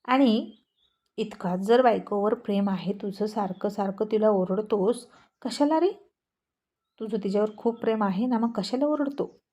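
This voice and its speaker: A middle-aged mother laughs at her son and chides him in a storybook tale, as a woman narrator puts her on. Her tone is warm and mellow. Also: medium pitch, measured pace, natural voice. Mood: chiding. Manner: chiding.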